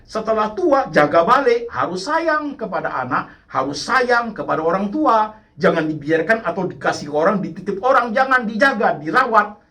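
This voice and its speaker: Emphatic pastor preaching. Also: male voice, distant mic. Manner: emphatic preaching, swinging from loud exclamations to low asides. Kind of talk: sermon.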